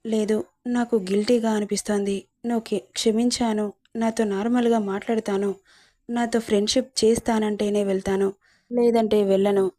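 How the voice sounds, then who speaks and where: A woman voicing a remorseful young man who pleads gently in a storybook reading. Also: medium pitch, level tone, brisk, natural voice. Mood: pleading.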